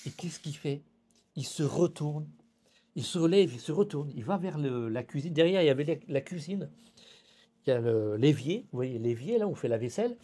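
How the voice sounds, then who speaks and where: Man from France, young, casual vlog storyteller with a warm, slightly husky voice; animated, acts out the other people. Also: a little high, normal speed. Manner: animated, acts out dialogue, drops in Japanese phrases. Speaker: YouTuber telling a personal story.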